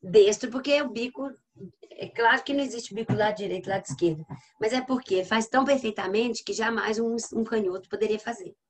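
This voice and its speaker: A woman with a Brazilian accent giving a literature lecture to her class, explaining and often checking in with questions. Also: a little high. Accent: Brazilian Portuguese. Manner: reads poems aloud slowly. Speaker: literature teacher. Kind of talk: classroom lecture over slides.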